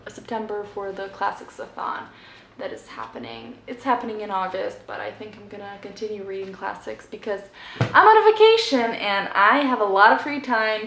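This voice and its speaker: A woman's voice: mid-range voice, a bit bright. Chatty woman with many fillers, echoey room. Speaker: book vlogger. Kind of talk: casual book haul chat. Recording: echoey room, faint background noise.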